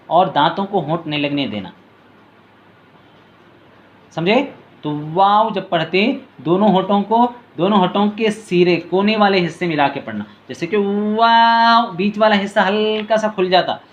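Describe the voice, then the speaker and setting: Slow, patient male reading teacher. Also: muffled recording. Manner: calls out letter names in long drawn-out tones, then explains in a low aside. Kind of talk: patient step-by-step reading lesson.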